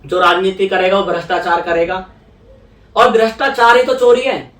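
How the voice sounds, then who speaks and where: A young Indian male politician, a guest in a conversational interview, explains things earnestly and repeats phrases for emphasis. His voice is higher and a bit bright at a normal speed, recorded in an echoey room away from the mic.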